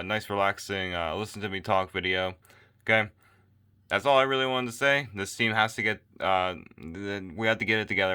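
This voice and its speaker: Into a phone microphone late at night, a weary man shares sports opinions, his voice fading as he rambles and repeats himself in a casual rant. His voice is lowish, pushed and bright, with a clean tone.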